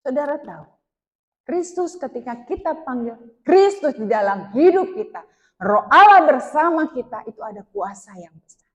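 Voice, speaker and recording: A woman with a high voice gives an emotional testimony from the pulpit, turning often to the congregation as she tells her story. Her voice rings out through a reverberant church hall. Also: very animated, normal speed, highs cut off. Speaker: preacher giving testimony. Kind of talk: sermon testimony.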